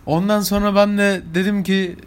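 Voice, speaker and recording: A man's voice: high voice, level tone, moderate pace, smooth. A young man from İzmir with an İzmir Turkish accent, telling anecdotes to his viewers in a chatty, casual way. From İzmir, Turkey. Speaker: vlogger. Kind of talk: casual storytelling monologue.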